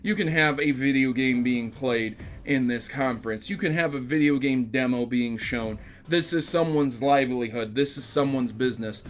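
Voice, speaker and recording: A man hosts a video game news show, speaking to camera with casual, emphatic commentary on scripted topics, wandering into asides and talking directly to his audience. His pitch is medium and his speed normal, with few pauses.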